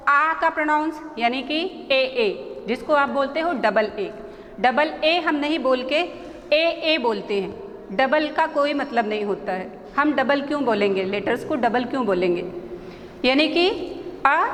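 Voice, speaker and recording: A woman with an Indian accent teaching an English spelling lesson at a board, slowly spelling out letters and their sounds one by one. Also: high voice, a bit bright. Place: school classroom. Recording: reverberant room, faint background noise.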